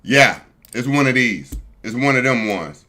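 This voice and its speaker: A man's voice: mid-range voice, expressive, measured pace, pushed and bright. A man hosting a live stream, casually reacting to a video in loose, slangy talk aimed at his viewers. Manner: loose, chatty, slangy, talks to viewers as family. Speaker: streamer host.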